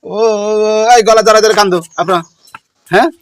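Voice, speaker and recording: A woman with a vlogging in a village, teasing and chatting fast while she addresses her viewers. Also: mid-range voice, steady tone. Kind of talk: village vlog narration to viewers. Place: outdoors in a village.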